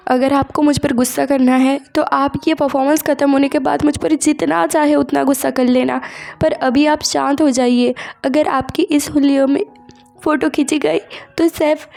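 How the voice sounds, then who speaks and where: A woman voicing a scared young male assistant who begs his boss to calm down. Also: high voice, vocal fry. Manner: pleading, rushed and polite. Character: panicked young male assistant, pleading and deferential.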